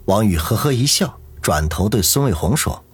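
Husky male storyteller, lively delivery, audiobook narration. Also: lowish voice, normal speed, no room sound. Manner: dramatic storytelling. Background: faint music.

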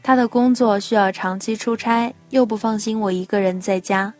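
A woman narrating a personal love story aloud in a soft, intimate storytelling manner. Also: medium pitch, fairly even intonation, normal speed. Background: faint background music.

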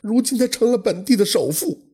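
A man's voice: high voice, animated, brisk, mellow, husky, voice pushed up, exaggerated voice. A man voicing a young female ghost who pleads sorrowfully for help, in a storytelling performance. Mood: tearful.

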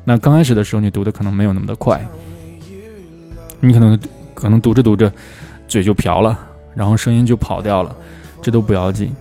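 低沉柔和的男老师. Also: male voice, on the low side, steady tone, warm tone, faint music behind. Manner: slows down to drill English phrases. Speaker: English pronunciation teacher. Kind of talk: spoken language lesson.

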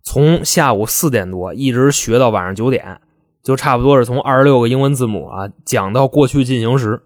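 A man telling a true-crime story in a lively, colloquial manner with crude humor. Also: medium pitch, fairly quick, no echo, clean studio sound. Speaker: storyteller host.

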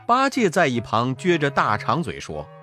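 A man narrating a children's story in a lively, expressive way. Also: mid-range voice, normal speed, soft background music.

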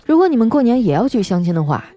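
A woman radio host tells comic family stories in a mellow, warm voice, stretching her sentence endings and laughing often. Soft music runs faintly underneath. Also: fairly high pitch, big pitch swings, no room sound. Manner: chatty, with frequent drawn-out particles and laughs. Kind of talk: comic storytelling monologue. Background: faint background music.

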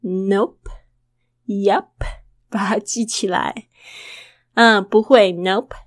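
A woman's voice: mid-range voice, fairly even intonation, no echo, studio quality. Chatty woman teaching English pronunciation. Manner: models English pronunciation slowly, repeating words; chatty, asks listeners rhetorical questions. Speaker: English teacher and podcast host. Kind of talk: casual podcast English lesson.

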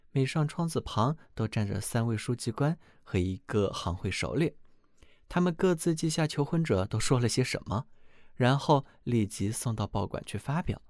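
Gravelly man reading a fairy tale. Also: mid-range voice, no room sound, clean studio sound. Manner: expressive, animated storytelling. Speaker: narrator. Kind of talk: storybook reading aloud.

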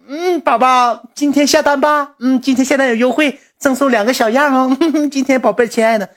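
A man's voice: steady tone, a little fast, fairly bright tone. A man putting on the voice of a young female assistant, first sulky and scolding, then sweet and singsong as she pushes sales. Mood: sugary. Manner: mocking falsetto, singsong sweet sales talk.

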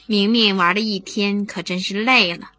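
A woman narrating a children's bedtime story in an animated, sing-song, expressive way. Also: mid-range voice, normal speed, dry recording.

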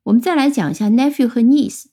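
Warm-toned female teacher, patient, spells words out letter by letter. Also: on the high side, quick pace, husky. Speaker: English teacher. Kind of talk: vocabulary lesson.

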